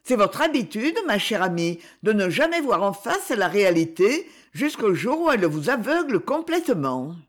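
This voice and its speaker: A woman's voice: mid-range voice, sing-song, moderate pace, hardly any pauses. A woman reading the part of an ironic, blunt older woman in a storybook reading.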